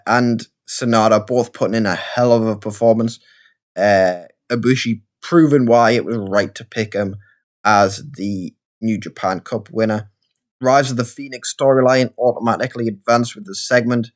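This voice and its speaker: Chatty Geordie man narrating gameplay. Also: on the low side. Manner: rambling, self-deprecating, chatty. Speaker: gaming video creator. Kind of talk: casual let's-play commentary.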